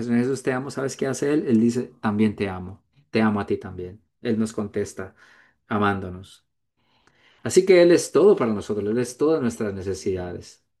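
Male preacher, mellow tone, earnest sermon delivery, swings between high prayerful calls and hushed lines. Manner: earnest, rises high on quoted prayers, drops soft on tender lines.

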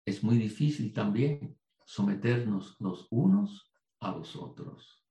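Speaking slowly in a lowish voice, a man from Puerto Rico delivers a conference sermon in a hall full of echo. His preaching is animated and digressive, with frequent remarks aimed at the listeners.

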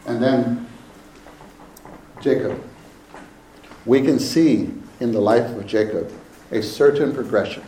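A man preaching a sermon at a pulpit microphone, slow and emphatic, often repeating his phrases. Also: mid-range voice, warm tone. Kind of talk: sermon to a congregation. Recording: echoey hall with faint room noise.

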